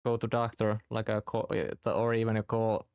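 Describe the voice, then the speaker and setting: A man from Finland chatting casually, halting often as he searches for words. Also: on the low side, monotone, creaky, darkish tone, clear, resonant tone, no echo. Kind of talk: casual chat.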